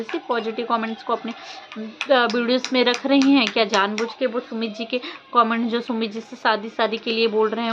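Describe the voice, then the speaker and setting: A woman vlogger giving chatty gossip commentary, asking many rhetorical questions and using fillers. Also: fairly high pitch. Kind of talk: casual gossip commentary to camera. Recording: dull lo-fi sound with faint background noise.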